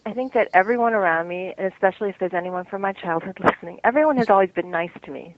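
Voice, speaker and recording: This American author speaks fast in a mid-range voice during a reflective interview. She pauses to find her words and laughs a lot, and the recording is muffled with no room sound.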